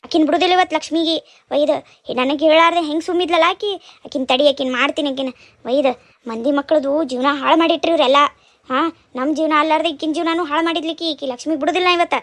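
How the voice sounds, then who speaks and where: A woman voicing a furious, scolding middle-aged aunt in a cartoon, speaking with a North Karnataka Kannada accent in a shrill, threatening way. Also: fairly even intonation, fast, no echo, close to an everyday voice. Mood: angry scolding. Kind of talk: cartoon dubbing.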